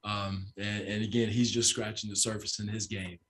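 A man in his sixties, a basketball coach, answers postgame questions into a table microphone in a press room. His voice sits low and stays level, with little rise or fall. He talks in a measured way, restarts often, and leans on fillers. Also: flat delivery, a bit bright, slightly rough. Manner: measured, repeats phrases, frequent fillers. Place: press room with sponsor backdrop. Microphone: table microphone in front.

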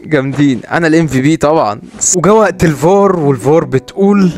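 A young man with an Egyptian Arabic accent giving excitable, teasing live commentary while he plays, his voice jumping up high when the game gets tense. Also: fast, a little hiss or hum. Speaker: gaming streamer. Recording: loud game music and gunfire behind.

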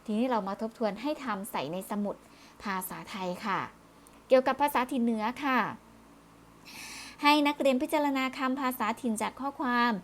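A patient woman teacher talks young pupils through a review lesson, repeating each word and closing her phrases politely. Her voice sits a little high. A faint hiss runs under the recording. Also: normal speed. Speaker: primary school Thai teacher.

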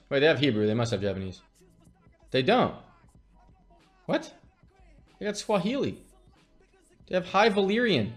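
A man in his late twenties streaming from a small room at his desk, casually thinking aloud, joking and swearing. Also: mid-range voice. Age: late 20s. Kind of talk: casual live-stream commentary.

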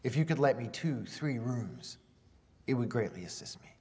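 An actor playing a scheming, smooth-talking writer in a period film, speaking in a polite, persuasive, formal way. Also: male voice, mid-range voice, expressive, normal speed, darkish tone, lightly acted. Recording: reverberant film soundtrack.

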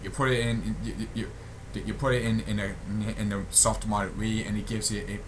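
A young adult man gives a casual update on his gaming channel, speaking haltingly and repeating phrases often. His voice is fairly low and level in tone, picked up by a built-in computer mic over a noisy background.

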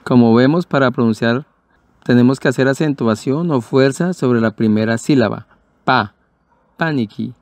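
A man's voice: medium pitch, moderate pace, darkish tone, no echo. A man teaching English pronunciation to Spanish speakers, patiently repeating and spelling out each word.

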